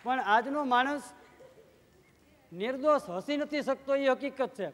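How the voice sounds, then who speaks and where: A man's voice: very high-pitched, a little slow, long reverb tail, a faint crowd, slight background noise. A man telling comic stories at a live folk show, acting out the dialogue. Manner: lively storyteller, acts out quoted dialogue. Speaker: folk humorist on stage. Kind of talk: live dayro storytelling.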